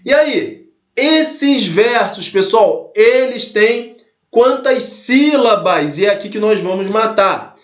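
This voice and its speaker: Guy teaching a prep class, high-ish voice, goes step by step, keeps checking in, roomy echo. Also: slow. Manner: explains step by step, repeats points, checks in with "tá?". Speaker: Portuguese teacher. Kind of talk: exam-prep lesson.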